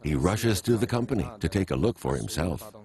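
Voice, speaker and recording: A man reading scripted documentary narration in a measured, even way. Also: low voice. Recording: faint music behind.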